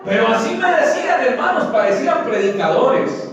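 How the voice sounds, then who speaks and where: A man's voice: extremely high pitch, lively intonation, moderate pace, highs cut off. A man from Ecuador preaching a sermon as pastor, telling his own story and earnestly calling his listeners brothers. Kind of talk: sermon with personal testimony. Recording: echoey church hall, mic far off, faint music.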